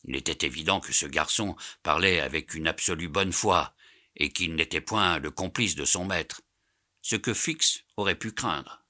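A man narrating a classic novel as an audiobook, in a measured storytelling way. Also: deep voice, pushed and bright. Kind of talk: scripted narration.

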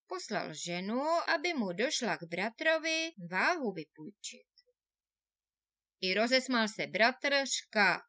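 A woman reading an old fairy tale aloud with expressive storytelling. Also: sits high, no echo. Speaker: audiobook reader.

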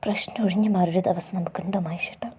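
A woman voicing a tearful young woman in love, soft and pleading. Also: on the high side, steady tone, fairly quick, husky.

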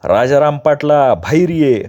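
A man voicing a fierce, commanding male outlaw chief who barks gruff threats, on a dull recording. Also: medium pitch, moderate pace, mellow, natural voice. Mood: stern.

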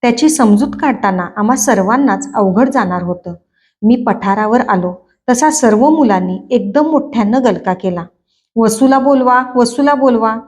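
A woman hosting a book reading channel, narrating a novel in a clear, expressive storytelling manner. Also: medium pitch, normal speed. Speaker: book reader.

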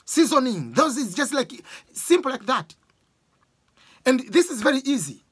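A man in his forties from Tanzania with a Tanzanian accent, giving animated casual exam advice to a close camera in a small room. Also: very high voice, normal speed, slightly rough. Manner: animated, gestures a lot, uses sports examples. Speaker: education vlogger. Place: small room with bookshelves, indoors. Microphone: camera close up, webcam framing.

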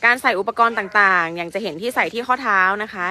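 A woman's voice: mid-range voice, quick pace, pushed and bright. A woman with a slight cold hosting a live stream, chatting and teasing as she greets viewers, outdoors at an elephant camp. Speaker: livestream host. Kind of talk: casual live commentary.

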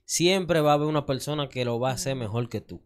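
A man's voice: mid-range voice, fast. A man hosting a radio show, arguing insistently in a heated panel debate and repeating his points.

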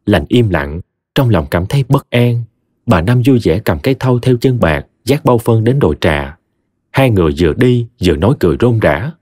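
A man's voice: on the low side, lively intonation, moderate pace, a little mellow, husky, no room sound. A man narrating a serialized story as an audiobook storyteller, reading expressively. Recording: dry close voice with faint music.

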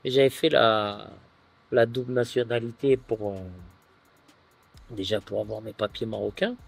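A man in his thirties from France, a footballer guest chatting casually on an outdoor terrace, relaxed and full of filler phrases. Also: mid-range voice, normal speed, vocal fry, soft background music. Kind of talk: casual interview chat.

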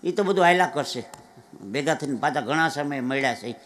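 A man telling comic folk stories on stage, lively and chatty, with asides to the audience. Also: a little high, fairly quick. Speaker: folk comedian. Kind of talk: live dayro comic storytelling. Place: live stage event with an audience.

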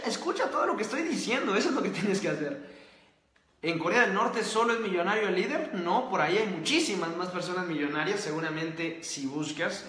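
A man's voice: sits high, fairly bright tone. A young man hosting a live stream, giving emphatic motivational talk and asking rhetorical questions. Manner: emphatic, preachy, repeats points and asks rhetorical questions. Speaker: host. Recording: roomy echo.

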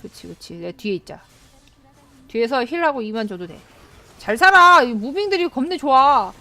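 A young woman streaming a game live, chatting with her teammates, excitable, and given to shrieks and laughter when startled. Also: high-pitched, normal speed, soft background music. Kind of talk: live gameplay commentary.

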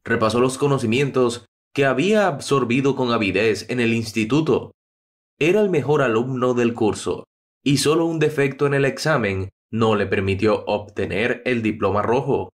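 A man narrating a dramatic story in a steady, scripted reading. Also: medium pitch, normal speed.

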